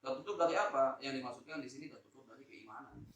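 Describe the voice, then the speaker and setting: Animated Indonesian preacher in echoey hall. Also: male voice, medium pitch, background noise. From Lombok, Indonesia. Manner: animated, swings between loud emphasis and soft asides; draws out Arabic words slowly. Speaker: Islamic teacher. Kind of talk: Quran exegesis lecture. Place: school hall, indoors. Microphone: phone camera recording. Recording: echoey room, distant phone mic.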